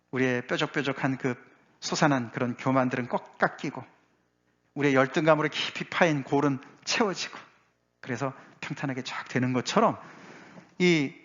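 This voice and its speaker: Emphatic Korean preaching pastor, lo-fi. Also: male voice, fairly bright tone. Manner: emphatic preaching, rising to exclaim then dropping low. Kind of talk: sermon. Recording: dull lo-fi sound.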